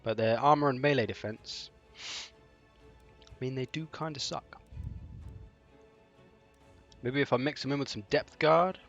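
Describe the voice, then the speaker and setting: A man streaming a game in casual chat, answering viewers with sardonic banter and often clearing his throat. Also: medium pitch, fairly bright tone, lo-fi sound.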